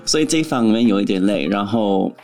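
Low-voiced North American man speaking Mandarin as a foreigner. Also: animated, fairly quick, darkish tone, soft background music. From Canada. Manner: frank, opinionated. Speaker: interview guest, actor and office worker in marketing. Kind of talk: casual interview chat.

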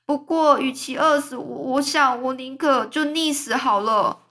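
A woman's voice: high-pitched, measured pace, pitched above the performer's own voice. A woman voicing a gloomy, complaining blind earthworm in a storybook reading, whining and panicky. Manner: whiny, panicky, shouts in protest.

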